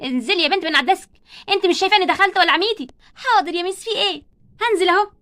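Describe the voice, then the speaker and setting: A bossy schoolteacher, voiced by a woman with an Egyptian accent, barking orders and scolding her class in a doll play story. The voice is pitched very high and delivered at a rapid clip. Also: pushed and bright. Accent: Egyptian Arabic. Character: strict loud female schoolteacher, sharp-tongued.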